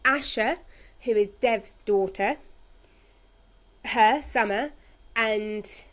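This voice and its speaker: A woman with a voice pitched a touch high talks through the week's soap plot in relaxed, chatty fashion. She tells the story with lively energy and playful asides. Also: very slow. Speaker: podcast host recapping a soap. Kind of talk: casual chat.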